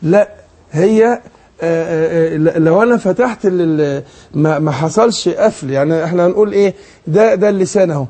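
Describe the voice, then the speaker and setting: A man with an Egyptian accent leads a Quran recitation lesson in a raised but mellow voice. He explains each rule patiently and keeps asking his student to fill in the answers. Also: high voice. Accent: Egyptian Arabic. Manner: explains patiently, asks leading questions, demonstrates slow recitation. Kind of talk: tajweed lesson.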